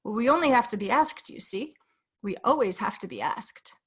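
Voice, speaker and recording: A woman reading aloud and voicing a polite, calm male salesman with a quietly menacing courtesy. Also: a little high, normal speed, slightly rough. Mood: calmly sinister.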